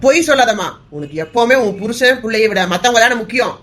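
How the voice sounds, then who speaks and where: A woman's voice: on the high side, lively intonation, fast talker, lightly acted. A woman voicing a hot-tempered young man in a cartoon serial, who speaks in a bitter, accusing way while grieving his father.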